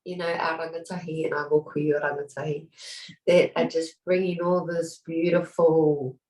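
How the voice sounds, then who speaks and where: An older woman with a New Zealand accent, sharing heartfelt reflections on a video call, halting and searching for words. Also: low-pitched, flat delivery, darkish tone. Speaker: programme participant. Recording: roomy, distant from the mic.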